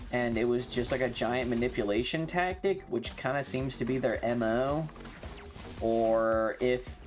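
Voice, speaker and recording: A woman with a very deep, slightly mellow voice streams a game, chatting in a casual, sweary, offhand way.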